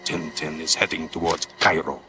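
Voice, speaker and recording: An actor playing a cold, menacing crime boss who gives orders in a cartoon. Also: male voice, extremely low pitch, level tone, moderate pace, pushed and bright, faint music behind, exaggerated voice. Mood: cold menace. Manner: menacing, commanding. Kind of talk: cartoon voice acting.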